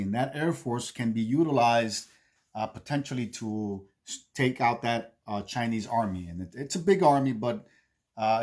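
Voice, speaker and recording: A man hosting a board-game series, giving a casual recap in a halting way, repeating himself and checking in with "okay". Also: medium pitch, darkish tone. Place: indoor home game room he calls the bunker.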